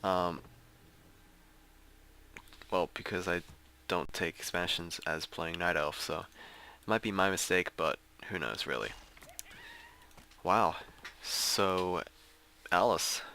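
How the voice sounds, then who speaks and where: A man doing play-by-play commentary on a strategy game, thinking aloud with fillers, his voice going hoarse. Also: sits low, pushed and bright. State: losing his voice. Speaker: game caster.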